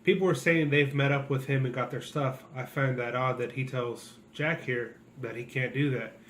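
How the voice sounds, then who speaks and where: A man's voice: mid-range voice, steady tone, normal speed, a bit bright. Opinionated man chatting over background noise. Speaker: co-host and toy collector. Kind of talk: casual conversational complaint.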